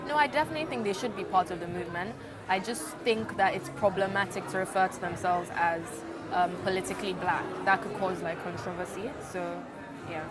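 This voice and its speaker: A woman's voice: on the low side, a little fast, loud music behind the voice, over a noisy crowd. A young woman from Nigeria, a student, answering interview questions in a hesitant way, full of fillers and restarts. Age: young adult.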